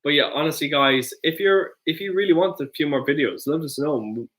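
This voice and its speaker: A man's voice: fairly high pitch, brisk, a bit bright. Tipsy Irish man rambling casually. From Ireland. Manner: rambling, loose and jokey, many restarts. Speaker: co-host. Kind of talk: casual chat.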